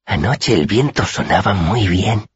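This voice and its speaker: A shy, whimsical young woman with a husky, breathy softness, full of childlike wonder, put on by a man raising his voice. The audiobook reading is dry and close. The sound is slightly muffled and dull. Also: low voice, expressive, normal speed, no echo, pitched above the performer's own voice, full character voice. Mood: dreamy.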